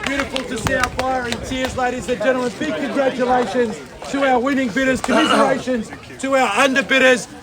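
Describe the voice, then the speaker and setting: A man's voice: extremely high pitch, steady tone, brisk, a loud crowd. A man calling a property auction outdoors, emphatic and projected, repeating each call. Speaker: lead auctioneer. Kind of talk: auction calling to a street crowd. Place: outdoors on a residential street.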